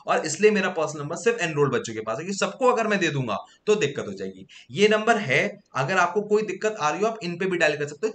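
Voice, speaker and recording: A male English grammar teacher leading an online exam-prep class in Hindi mixed with English terms, coaxing students to answer fast and repeating his drills. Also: fairly high pitch, a bit bright, echoey room.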